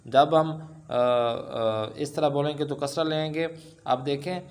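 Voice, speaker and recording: A man teaching Persian in an online lesson. He reads Persian sentences aloud and then explains them slowly, with many filler sounds. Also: a little high, steady tone, a little mellow, clear, resonant tone.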